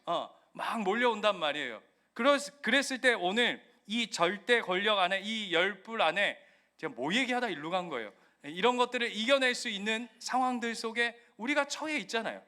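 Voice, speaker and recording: A man preaches in a conversational way, often turning to ask the congregation questions. His voice sits high and carries a bright, ringing edge. Now and then he slips into a mocking voice to act out what others say. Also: animated, moderate pace. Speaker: pastor. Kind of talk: sermon.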